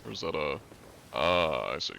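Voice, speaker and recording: His voice rumbles low, gravelly and sharp, animated yet a little slow, with a little hiss or hum. He's a man in his twenties from the northern United States, casually live-streaming a game, reading chat aloud and rambling with many fillers.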